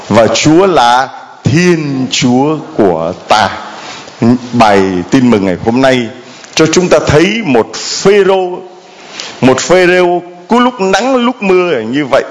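Animated Vietnamese-speaking priest preaching. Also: male voice, mid-range voice, slow. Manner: dramatic, animated storytelling with sound effects. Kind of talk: sermon.

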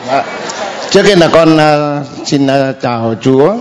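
An older man telling a halting, hesitant personal testimony to a priest at a church gathering. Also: fairly high pitch, noisy background. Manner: hesitant, halting with many fillers. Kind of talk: spoken testimony. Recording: long hall reverb.

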